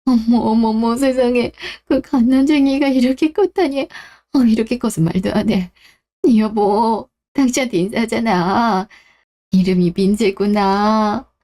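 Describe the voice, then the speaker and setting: A woman's voice: on the high side, a little slow, warm tone, close to an everyday voice. A woman voicing a fussy, tearful old grandmother and wife in a radio drama, who frets and exclaims a lot. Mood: overjoyed. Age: older. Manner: fretting, exclamatory.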